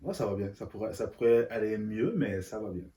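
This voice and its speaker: A man in his 30s from Central Africa speaks as an interview guest, his lowish, warm voice moving fairly quickly. He talks candidly and earnestly, often stumbling and repeating words. The recording has a roomy echo.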